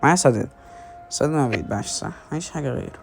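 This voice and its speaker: A man with an Egyptian Arabic accent giving casual gameplay commentary, excitedly calling out to his teammates and teasing them. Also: medium pitch, rapid-fire, gravelly, faint music behind. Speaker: gaming video creator.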